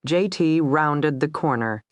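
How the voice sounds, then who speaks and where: A woman narrating a dark crime thriller audiobook, tense and steady, voicing every character herself. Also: deep voice, takes it slowly, no room sound.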